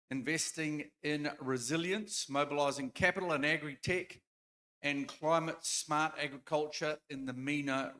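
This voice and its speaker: A man's voice: medium pitch, fairly bright tone. A man hosting a conference, announcing panels in a loose, off-the-cuff way with frequent fillers. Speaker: event host. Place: conference hall stage.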